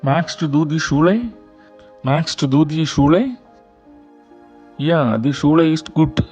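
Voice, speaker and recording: A man teaching a beginner German lesson, reading a short dialogue and saying every line twice, slowly and carefully, for learners. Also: fairly high pitch, steady tone, a little mellow, soft background music. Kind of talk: slow repeated lesson dialogue.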